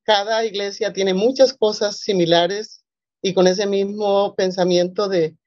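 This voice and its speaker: A woman's voice: medium pitch, fairly even intonation, a little slow, darkish tone, no echo. Woman pastor from Colombia, earnest, rambling panelist, dull dry audio. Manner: earnest, rambling with many fillers. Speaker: presbyterian pastor. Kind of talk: panel discussion.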